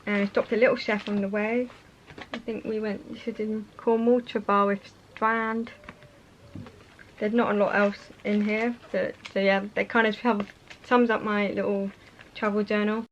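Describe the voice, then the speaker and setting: A woman's voice: medium pitch, level tone, moderate pace. A young British woman chatting casually and a little hesitantly as she shows things to viewers in a vlog. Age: young adult. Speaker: vlogger. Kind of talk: casual show-and-tell chat. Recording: muffled sound with faint noise.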